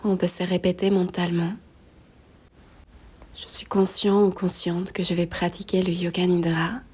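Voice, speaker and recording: Speaking in a lowish, breathy near-whisper, a woman guides a yoga nidra meditation at a slow, gentle pace. Her instructions come unhurried, separated by long pauses.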